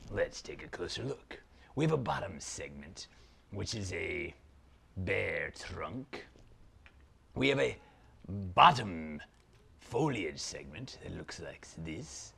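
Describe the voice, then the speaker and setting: A haughty sorcerer prince, as a man puts him on, with a low, gravelly voice. He swoops through his lines theatrically, lingering over every word. Now and then he sinks into a conspiratorial stage whisper. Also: very animated, slow pace, sharp tone, slight background noise, full character voice. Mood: pompous. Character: pompous grand male sorcerer villain prince. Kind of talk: comic product skit.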